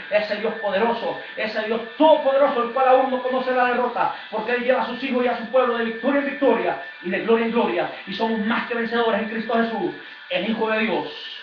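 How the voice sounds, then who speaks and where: A man preaching a sermon as an evangelist, in a fervent, repetitive preaching cadence. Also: high voice. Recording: echoey, distant, dull lo-fi church recording.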